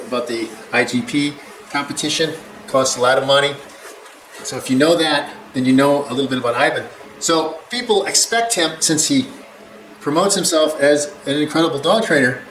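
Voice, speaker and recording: An older man who has trained dogs for years offers blunt, rambling reaction commentary, chuckling now and then. His voice sits at a medium pitch with a fairly bright tone, recorded in an echoey room with a faint hum behind it.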